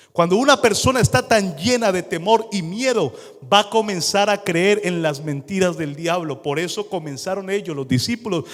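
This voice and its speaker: A man preaching from a church hall in a fairly high voice, telling stories with lots of drama. He slips into the people in his stories and then swings back to the congregation. Every word carries a long reverb through the room. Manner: dramatic storytelling, acting out scenes. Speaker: pastor. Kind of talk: sermon.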